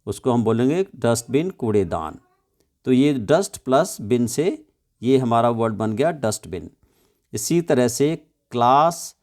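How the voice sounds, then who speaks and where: A man's voice: mid-range voice, darkish tone. A man teaching children English in Hindi, spelling out words letter by letter and explaining each one patiently with frequent check questions.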